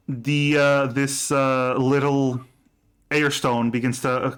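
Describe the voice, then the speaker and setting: A man with a mid-range voice runs a tabletop role-playing game. He narrates and referees as game master, haltingly, often doubling back to repeat himself. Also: mid-range voice, a bit bright.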